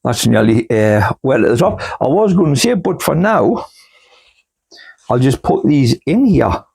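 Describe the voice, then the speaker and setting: A man's voice: medium pitch, sing-song, a little slow, gravelly, a little mellow, slightly rough. A man chats casually as host while potting plants indoors, rambling and homely, with hiccups. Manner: rambling, homely, full of fillers. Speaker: gardening channel host. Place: indoors in a cool grow room.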